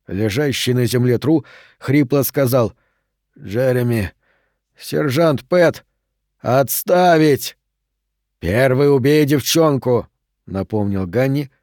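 Dark-voiced male audiobook narrator. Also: medium pitch, no room sound, clean studio sound. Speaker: audiobook reader.

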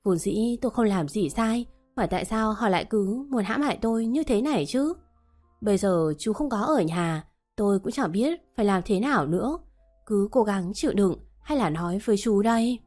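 Woman narrating a story over soft music. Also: mid-range voice, expressive, moderate pace. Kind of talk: first-person story narration.

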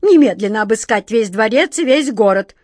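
A woman's voice: a little high, animated, brisk, a little mellow, dry recording, clean studio sound. A woman playing a fretful, whiny fairy-tale king who barks orders and frets over his health. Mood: moaning. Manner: whiny, commanding, easily flustered.

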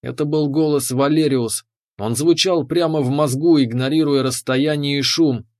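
A man's voice: on the high side, steady tone, moderate pace, darkish tone. A man narrating a first-person space adventure audiobook in a tense, dramatic way.

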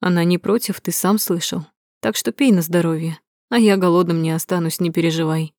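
A woman's voice: fairly low pitch, steady tone, a little fast, a little mellow, no room sound, clean studio sound, close to an everyday voice. A woman voicing a haughty, mocking male vampire lord in an audiobook, with a sneering drawl.

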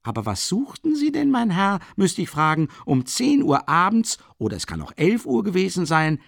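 A man reading an audiobook, voicing an older male investigating judge who speaks softly and insinuatingly with a mocking chuckle. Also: huge pitch swings, moderate pace, gravelly, dry recording, studio quality, full character voice. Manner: low, soft, chuckling, insinuating. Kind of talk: audiobook character voice.

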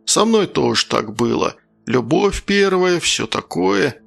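A man voicing a sly middle-aged stepfather who speaks in a falsely gentle, coaxing way, in an audiobook. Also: a little high, animated, slow pace, creaky, soft background music, heavily acted.

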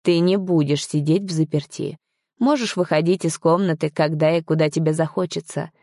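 A woman's voice: deep voice, moderate pace, mellow, no echo, studio quality. A woman voicing a possessive, domineering young man who talks in a mocking, commanding way. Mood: smug, commanding.

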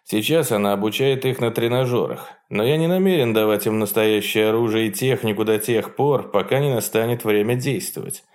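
A dry, faintly ironic political leader with a paranoid streak, as a male audiobook reader puts him on. His voice is low and his tone stays flat and wry. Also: brisk, hardly any pauses, lightly acted.

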